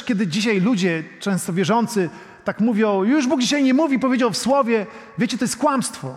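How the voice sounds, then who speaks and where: A middle-aged man preaching a sermon, shifting between soft, intimate prayer and loud, emphatic preaching, talking straight to the congregation. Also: high-pitched. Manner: addresses the congregation directly, often saying "you know". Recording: long hall reverb.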